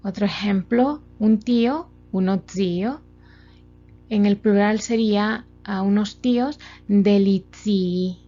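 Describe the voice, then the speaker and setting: A language teacher with a mid-range, dark-toned voice teaches grammar from slides, explaining slowly and methodically, step by step, with many examples. The sound is dull and lo-fi, with faint music.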